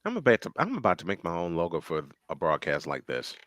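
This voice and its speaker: A play-by-play commentator calls a live football game on a fan stream, talking fast in a low-sitting, fairly bright voice whose pitch swoops wildly and rises sharply on big plays. The audio is studio quality with no room sound.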